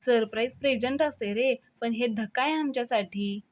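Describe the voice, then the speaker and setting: A woman's voice: a little high, normal speed, lightly acted. A woman voicing a blunt, irritated young village man who scolds his friends, in a retold serial episode. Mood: annoyed. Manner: scolding, sharp retorts.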